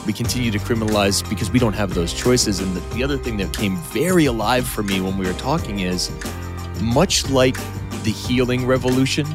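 A man's voice: on the low side, fairly quick, over music. A man hosting a podcast who talks with passion and emphasis, swearing freely in a heartfelt interview. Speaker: podcast host.

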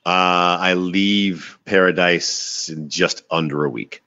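Gravelly low-voiced joking man host. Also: slow, highs cut off. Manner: animated, joking, pushy with questions. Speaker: podcast host. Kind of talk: casual chat.

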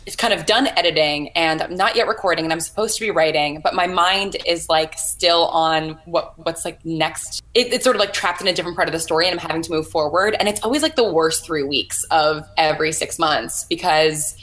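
A woman speaks as a guest on a livestream. Her voice is slightly low for a woman, and she talks in a casual, conversational way. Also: a little fast, few pauses, a bit bright, a little hiss or hum. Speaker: guest, audio drama writer.

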